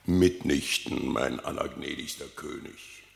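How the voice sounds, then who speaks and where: An actor playing a proud, boastful bear who serves as royal messenger, declaiming pompously in a classic radio play. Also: male voice, extremely low pitch, a little slow, vocal fry, slightly rough, no room sound, studio quality, big-room sound, exaggerated voice. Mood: proud, defiant.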